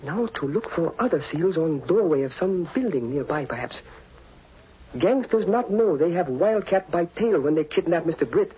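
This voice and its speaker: High-voiced loyal sidekick Cato, played by a man. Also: lively intonation, normal speed, background noise, lightly acted. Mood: pleased, intent. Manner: clipped broken English, thinking aloud. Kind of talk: 1940s radio acting. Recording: dull 1940s radio broadcast, music behind.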